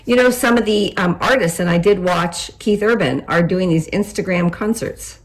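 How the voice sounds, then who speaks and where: An older woman co-hosting a casual chat, telling animated stories and laughing often. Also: lowish voice, moderate pace, rough recording. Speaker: co-host.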